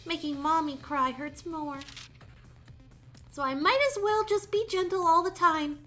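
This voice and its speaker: A woman reading a diary entry aloud in character as a gentle, anxious child afraid of upsetting her mother, speaking softly and earnestly over faint game music. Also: very high voice, fairly even intonation, a little slow, heavily acted.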